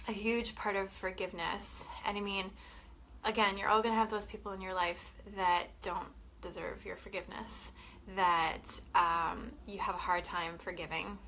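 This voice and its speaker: Sniffly from a head cold, this young wellness vlogger from Canada chats to camera with a medium-pitched, fairly bright voice, with slight background noise. Her talk is casual, full of swearing and constant "like" and "you know."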